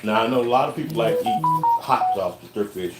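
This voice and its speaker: A man's voice: fairly low pitch, quick pace, reverberant, distant mic, loud music behind the voice, rough recording. A man livestreaming himself cooking outdoors, talking in a folksy, casual way and tasting the food as he goes.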